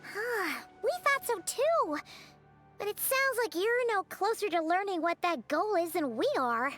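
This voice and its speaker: Tiny squeaky game sidekick, bright and sharp, bouncy voice, light music under it. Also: female voice, animated, a little slow, full character voice. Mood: teasing. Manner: casual, teasing, outspoken. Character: small chirpy floating girl companion, blunt. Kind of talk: game voice acting.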